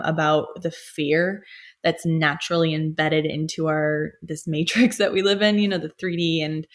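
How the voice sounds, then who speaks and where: A young woman, an astrologer and healer, musing softly in a meandering spiritual monologue with many fillers, speaking from home. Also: sits low.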